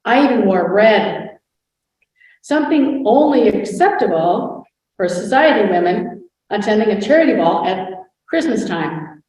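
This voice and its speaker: Speaking at medium pitch with an expressive, unhurried, darkish voice close to her everyday one, a woman impersonates a proud and witty noblewoman from the 19th century. The performance is scripted, first-person and grandly narrated, recorded dully from far away in a highly echoey hall.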